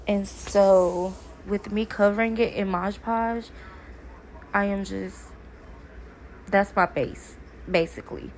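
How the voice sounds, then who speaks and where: A craft video creator chats in a friendly, casual way through a DIY tutorial, calling her viewers y'all. Her mid-range voice is steady, slow and slightly stuffy from a cold, with long pauses. The rough recording has light background noise.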